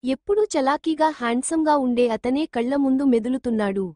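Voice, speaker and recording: A woman narrating a written story in a steady reading voice. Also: sits high, fairly quick, no room sound, studio quality.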